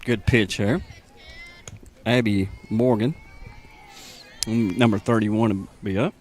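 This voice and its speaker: A middle-aged man with a Tennessee accent doing casual, folksy play-by-play for a high school softball game. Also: fairly even intonation, slow pace. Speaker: play-by-play announcer. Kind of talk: local radio sports commentary.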